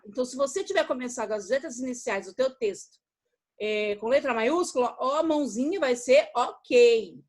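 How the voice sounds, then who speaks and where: A woman teacher with a Brazilian Portuguese accent, giving a recorded lesson to young children, patient and affectionate, checking in after every step. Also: sits high. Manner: affectionate toward pupils, uses diminutives. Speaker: primary school teacher.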